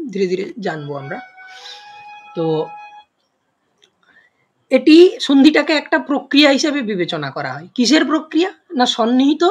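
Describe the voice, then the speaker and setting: Woman, Bengali accent, teacher, husky voice, online grammar lesson, question-and-answer explaining. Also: on the high side, lo-fi sound.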